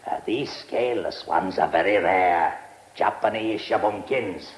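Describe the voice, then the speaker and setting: In a radio drama, a British-accented actor plays an eccentric, brusque press baron with a lordly air. His deep male voice moves at a measured pace through clipped, mumbled phrases, sounding proud and absorbed.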